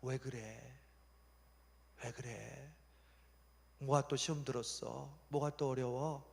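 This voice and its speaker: A man voicing God as a doting, overjoyed heavenly father who coaxes gently, in a reverberant church hall. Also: on the high side, moderate pace, creaky. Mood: gentle, coaxing. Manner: exclaiming proudly, then coaxing gently.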